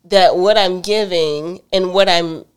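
Her voice is fairly low and clean, and she speaks slowly. As a middle-aged co-host of a relationship podcast, she's direct in casual couple conversation and tells animated stories while laughing.

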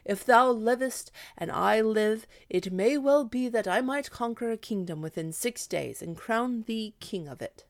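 A woman's voice: on the high side, expressive, a little slow, few pauses. A woman declaiming as grandiose knight Don Quixote. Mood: solemn. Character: proud deluded older male knight-errant.

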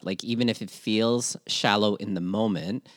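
A man's voice: on the low side, fairly even intonation, moderate pace, dry recording, studio quality. A Filipino-born man co-hosting a podcast, chatting with enthusiasm and lots of "like" fillers. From Philippines. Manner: warm-hearted, enthusiastic, many "like" fillers. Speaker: podcast co-host. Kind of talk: casual podcast chat.

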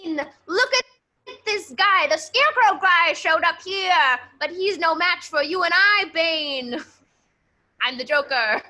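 A gleeful, scornful arch-villain played by a woman in an improvised comedy sketch. The voice is very high and sharp, drawn out slowly with theatrical mockery. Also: animated, full character voice. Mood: mocking. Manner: theatrical, mocking.

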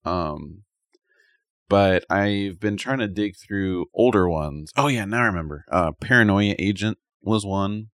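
A podcast co-host reviews anime in casual chat, thinking aloud and rambling a little as he shares his opinions. His voice is deep and fairly bright, a little slow, with studio-quality sound and no echo.

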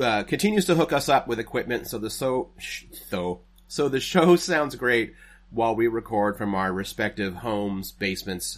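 A man's voice: mid-range voice, fairly bright tone. Rambling man reading sponsor spots. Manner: rambling, self-correcting, nerdy asides. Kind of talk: casual chat with sponsor reads. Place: home setup, recording remotely.

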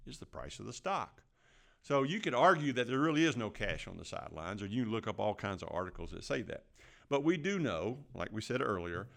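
A man's voice: fairly low pitch, vocal fry, fairly bright tone. A man hosting a financial advice podcast in a conversational, folksy, plain-spoken way. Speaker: podcast host; financial advisor.

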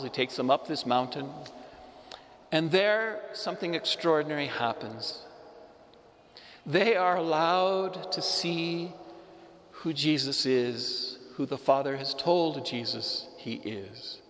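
A man's voice: a little high, a bit bright, in a large hall. A man preaching a sermon, telling a story with emphatic repetition. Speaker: pastor.

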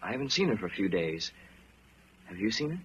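An actor playing a troubled, questioning fireman in a radio drama, earnest and halting. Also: fairly low pitch, very animated, fairly bright tone. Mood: subdued, anxious. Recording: noisy, slightly dull radio drama recording.

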